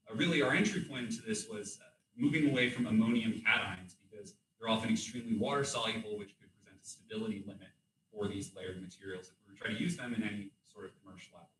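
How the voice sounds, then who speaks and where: A man giving an academic thesis defense in a hesitant, hedging way, often pausing and correcting himself. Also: medium pitch, fairly bright tone. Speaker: doctoral candidate presenting research. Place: room with audible echo. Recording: roomy echo, distant mic, background noise.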